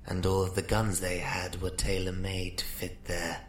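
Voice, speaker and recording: In a roomy, echoey recording with faint noise, a man with a low, monotone voice narrates an audio drama at normal speed. He lightly acts a sardonic, theatrical psychic magic-user, speaking with wry mock politeness in a wry, boastful mood.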